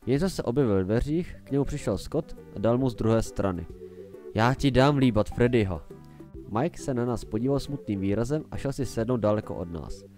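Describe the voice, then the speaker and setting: A man's voice: medium pitch, expressive, hardly any pauses, mellow, poor audio. A man reading a fan-made horror story aloud in plain storytelling narration. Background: faint music.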